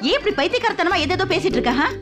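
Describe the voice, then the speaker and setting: A bossy, melodramatic middle-aged mother-in-law from a TV serial, always scolding and wailing at her household. Her voice sits rather high for a woman. A music score plays clearly behind her. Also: lively intonation, rapid-fire. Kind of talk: TV serial acting. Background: background music score.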